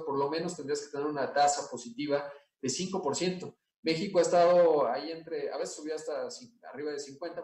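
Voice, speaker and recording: A man's voice: a little high, darkish tone. A middle-aged man with a Mexican accent gives an analytical conference talk over a video call, full of fillers and asides. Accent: Mexican Spanish. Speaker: conference speaker. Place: indoor room. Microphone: webcam on video call. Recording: echoey room, mic at a distance.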